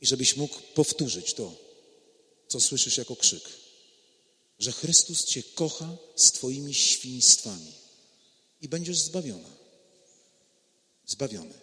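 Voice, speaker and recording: A man giving an impassioned retreat sermon, acting out dialogue and swinging from hushed tones to shouting. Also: medium pitch, very animated, slow pace, long pauses, long reverb tail. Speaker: priest leading a retreat. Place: large church.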